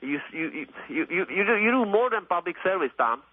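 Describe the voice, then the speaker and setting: Over a tinny telephone line on the radio, a late-30s male caller with a slightly high pitch chats in an animated, brisk way. He is effusive and opinionated, rambling, repetitive and a bit profane, and the recording is dry.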